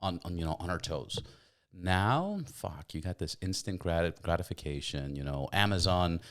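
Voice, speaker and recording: A man's voice: low-pitched, expressive, moderate pace. A man hosting a podcast, chatting animatedly and swearing casually as he makes his points. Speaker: podcast host. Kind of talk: casual conversational interview.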